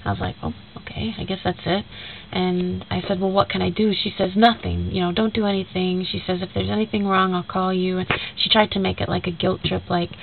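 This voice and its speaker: Speaking fairly quickly in a fairly low, level voice with vocal fry, a young woman with a cold sounds stuffy and nasal. Her casual, rambling video message to a friend retells a conversation with many fillers, recorded tinny and lo-fi with a faint hiss.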